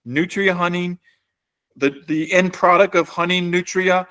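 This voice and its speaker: Relaxed middle-aged man. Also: sits high, measured pace. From New Orleans, Louisiana. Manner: relaxed storyteller, many fillers and restarts. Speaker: company CEO and guest. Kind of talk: casual podcast interview.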